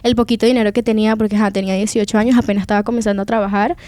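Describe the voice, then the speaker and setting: A woman's voice: mid-range voice, flat delivery, racing, a little mellow, dry recording. A young woman from Venezuela with a Venezuelan Spanish accent, telling her faith testimony as a guest in an earnest, confiding way.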